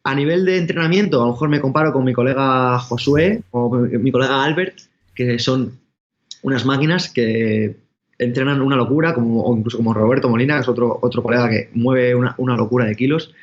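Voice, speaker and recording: Man, casual interview guest, restless self-correcting talk, mid-pitched, mildly muffled audio. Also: brisk. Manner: rambling, self-correcting, animated storytelling.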